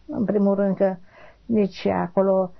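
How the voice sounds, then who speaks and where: A woman, being interviewed for an oral history, talking haltingly, repeating short affirmations and trailing off quietly. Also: mid-range voice, little pitch movement, creaky. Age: 80s. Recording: dull lo-fi recording.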